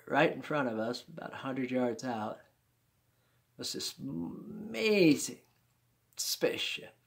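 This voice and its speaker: A man's voice: a little high, gravelly. An older man in his sixties telling a personal story in a folksy, chuckling way. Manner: folksy, chuckling, warm-hearted asides.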